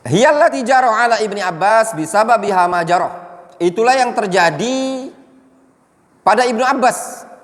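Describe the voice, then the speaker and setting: Ustadz berlogat di aula masjid yang bergema. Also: male voice, high voice, expressive, moderate pace, fairly bright tone. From Indonesia. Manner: explains Arabic texts line by line, jokes and quizzes the class. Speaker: ustadz teaching a mosque class. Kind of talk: religious lesson. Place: mosque hall. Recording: echoey mosque hall.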